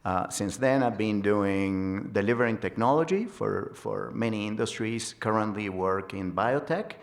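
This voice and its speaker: A man's voice: fairly low pitch, measured pace, creaky. A man from Argentina introducing himself on a conference panel, hesitant, with many fillers and repeated words. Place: conference hall stage.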